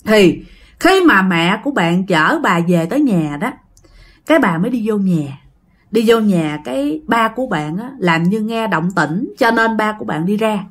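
A woman with a Southern Vietnamese accent, narrating a ghost story to her listeners in lively quoted speech. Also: medium pitch, moderate pace.

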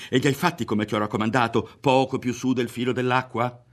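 A man's voice: medium pitch, fairly even intonation, a little fast, pitched above the performer's own voice, lightly acted. A man reading an audiobook voices a scheming teenage boy who presses his friend with urgent questions. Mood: insistent.

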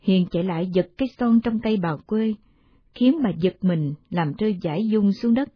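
Woman storyteller, husky, dry close sound, muffled lo-fi audio. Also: mid-range voice, moderate pace, no room sound. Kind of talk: storybook narration.

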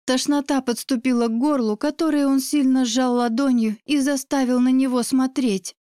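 A woman narrating a first-person audiobook with an emotive, dramatic reading. Her voice is smooth and somewhat high, recorded close and dry. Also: steady tone, normal speed, warm tone, no room sound.

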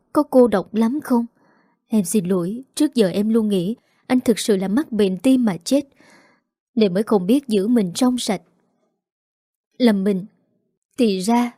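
A woman's voice: medium pitch, mellow, no echo, studio quality, close to an everyday voice. A woman reading the lines of a grieving young widow in a drama recap, tearful and questioning. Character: grieving young widow at her husband's grave.

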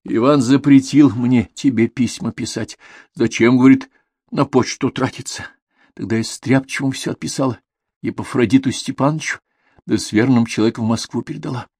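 A man's voice: mid-range voice, fairly even intonation, a little fast, a little mellow, slightly rough, dry recording, studio quality, pitched above the performer's own voice, lightly acted. A man voicing a tearful, affectionate older sister, raising his voice and speaking in a lilting, heartfelt, homely way. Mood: confiding.

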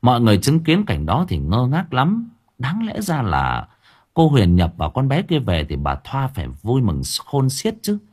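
Husky man narrating a horror tale. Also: medium pitch, normal speed. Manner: expressive storytelling reading. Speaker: audiobook narrator. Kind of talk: dramatic horror story narration.

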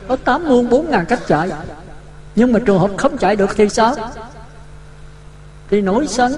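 A man giving a Buddhist dharma talk, vivid and full of rhetorical questions. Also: high voice. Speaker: Buddhist monk teaching. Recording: echoey hall.

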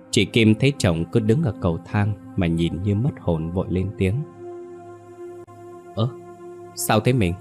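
Deep-voiced male ghost story narrator. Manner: steady, grave storytelling. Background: faint music.

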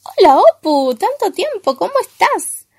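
A woman voicing a small male creek bug with a high, tearful voice and an Argentine accent. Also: big pitch swings, unhurried, darkish tone, no room sound, studio quality, full character voice. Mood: hurt. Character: little male creek bug, polite and hurt.

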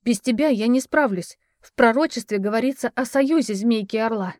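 A woman's voice: fairly high pitch, brisk, darkish tone, dry recording, studio quality, close to an everyday voice. A woman reading an audiobook, voicing a frightened young woman mage who speaks anxiously and pleadingly.

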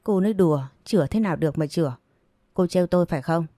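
A woman's voice: lowish voice, fast talker, mellow, dry recording, lightly acted. Woman doing a cold jerk of a young guy brushing her off, dry close sound. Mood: contemptuous. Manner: contemptuous, dismissive. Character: callous young man rejecting his lover.

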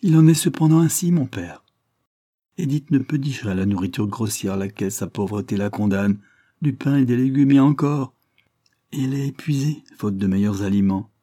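Storybook voice: a man playing a tearful young woman, higher and imploring, slightly husky. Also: moderate pace, warm tone, dry recording, studio quality, close to an everyday voice. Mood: pleading. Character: distressed young woman pleading with her father.

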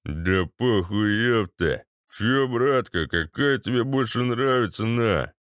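Brief: swaggering drunk ex-paratrooper, voiced by a man, bassy and crude, slow and smooth. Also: expressive, a bit bright, dry recording, clean studio sound. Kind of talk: audiobook character voice.

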